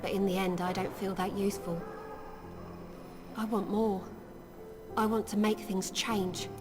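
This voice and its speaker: An actress voicing an earnest young nurse, idealistic but worn down, in game dialogue. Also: female voice, medium pitch, flat delivery, a little slow, natural voice. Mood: wistful. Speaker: nurse character. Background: game music.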